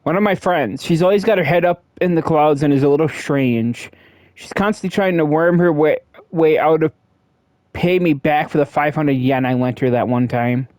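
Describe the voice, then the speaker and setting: A man with a fairly high voice gives casual, joking commentary while he plays through a game. He reads the on-screen text aloud in an offhand way and drops quick asides. The sound is dry and close, with no room echo. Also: a little mellow. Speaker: let's play streamer.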